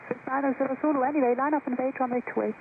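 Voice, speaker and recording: A woman working as an air traffic controller, issuing procedural clearances over the radio. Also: high-pitched, fairly even intonation, very fast. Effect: radio transmission. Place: airport control tower. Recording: tinny, noisy aviation radio.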